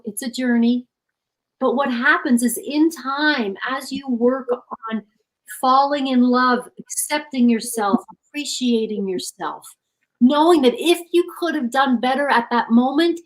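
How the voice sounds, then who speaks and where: Earnest woman with a higher voice. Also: poor audio. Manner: earnest, reflective storytelling. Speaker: author and guest. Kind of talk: interview conversation.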